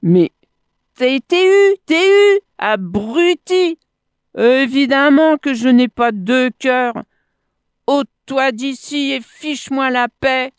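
A woman's voice: fairly high pitch, lively intonation, slow, no room sound, clean studio sound, voice pushed up. A woman voicing a clever male monkey in a storybook, hurling mocking insults at a false friend. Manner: shouting insults, sharp and mocking.

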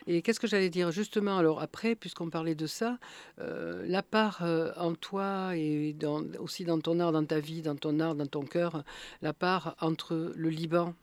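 A man's voice: fairly high pitch, a little slow. Hesitant chatty French man. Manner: hesitant, many fillers and restarts. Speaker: interviewer. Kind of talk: casual conversational interview.

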